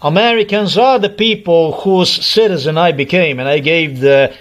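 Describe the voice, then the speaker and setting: A man's voice: on the high side, normal speed. A middle-aged man from Slovenia, delivering an aggrieved, repetitive personal monologue in English as a vlogger.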